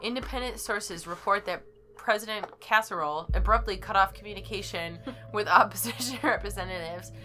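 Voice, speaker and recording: With a brisk pace and a sharp, medium-pitched voice, this native English-speaking woman reads game text and banters playfully while hosting a gaming video, tripping over words now and then. Game music plays, and there's slight background noise.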